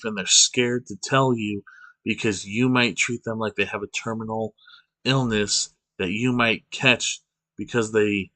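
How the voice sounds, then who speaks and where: On a casual morning stream, a man with a lowish, sharp voice drifts through hesitant, rambling talk full of ums and restarts while yawning sleepily. He's at home next to boxes of cards, and the audio is poor.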